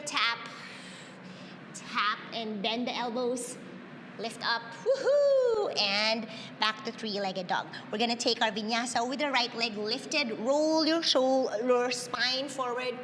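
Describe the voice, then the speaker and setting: Guiding a yoga class, a woman who grew up speaking Tagalog cues breathing cheerfully and cheers often, speaking slowly and animatedly in a slightly high voice. The sound is reverberant, from a large hall with background noise.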